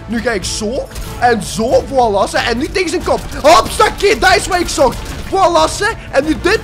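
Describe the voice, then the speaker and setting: Excitable Flemish gamer, high voice. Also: male voice, normal speed, soft background music. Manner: joking, excitable, shouts during fights. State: a bit sick. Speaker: gaming YouTuber. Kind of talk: gaming commentary.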